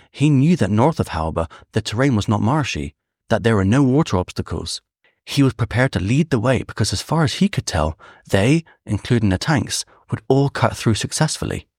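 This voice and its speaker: Man, documentary narrator, low voice, dry close sound, measured scripted reading. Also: dry recording. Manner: measured, reads quoted memoirs with rising intensity.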